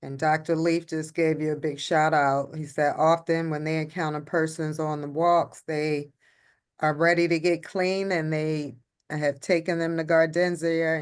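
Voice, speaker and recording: A woman's voice: deep voice, clear, resonant tone. A woman co-hosting an online community meeting, passing along comments from the chat. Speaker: meeting co-host reading the chat.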